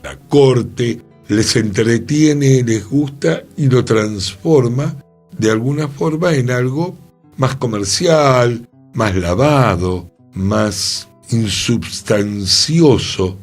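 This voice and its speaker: Speaking very slowly at a medium pitch, a man from Argentina with a Rioplatense accent ponders and questions on a reflective radio talk show. Faint music can be heard in the background of the studio.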